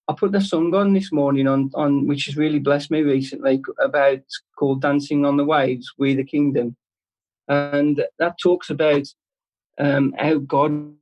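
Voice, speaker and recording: A man giving an informal devotional talk at a church service, speaking earnestly and conversationally with halting restarts. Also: a little high, darkish tone, rough recording.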